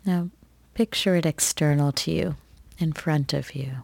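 A woman leading a guided meditation as its guide, speaking softly and soothingly with long pauses between phrases. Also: deep voice, steady tone, gravelly, no room sound. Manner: soft, gentle, soothing delivery with long pauses.

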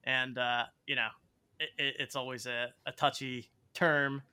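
Male podcast guest, bright smooth voice, casual and slightly stumbling delivery. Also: mid-range voice, little pitch movement. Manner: halting, repeats words while thinking. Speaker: podcast guest, startup co-founder. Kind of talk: casual interview chat.

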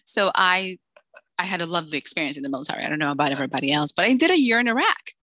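Bright, animated woman telling funny stories. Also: fairly low pitch, rapid-fire, no echo. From Dominican Republic. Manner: lively, joking, acts out quoted voices. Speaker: author guest. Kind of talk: casual interview chat.

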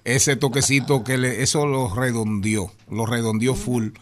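A man's voice: mid-range voice, fairly even intonation, measured pace, a little hiss or hum. A man hosting a lunchtime talk show, teasing his co-hosts playfully. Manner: playful, teasing, laughing often. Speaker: host. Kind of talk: radio talk show banter.

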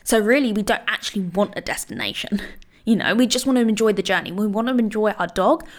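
Speaking fast with lively intonation and a medium pitch, a woman dog trainer offers casual, encouraging advice. She's chatty and reassuring, sprinkling in plenty of "you know" and "like."

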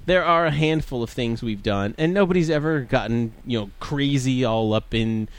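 A man's voice: medium pitch, normal speed. A man chatting casually as a podcast host, his speech slightly slurred by a swollen tongue. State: swollen tongue, as after the dentist. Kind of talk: casual chat.

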